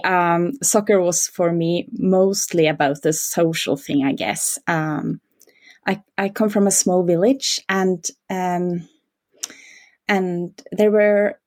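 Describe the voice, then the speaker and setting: A woman in her forties from Norway with a Norwegian accent, a guest answering interview questions with many pauses, fillers and restarts. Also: lowish voice, a little mellow.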